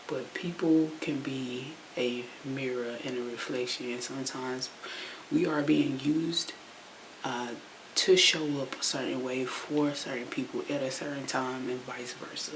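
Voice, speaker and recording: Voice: mid-range voice, fairly even intonation, measured pace. A reaction channel host giving casual, chatty commentary with slang and fillers. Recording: hissy recording.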